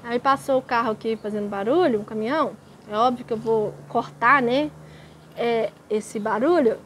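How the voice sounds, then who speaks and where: Woman, young adult, high voice, hesitant, personal testimony vlog. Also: slight background noise. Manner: hesitant, with restarts and pauses. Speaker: vlogger sharing testimony.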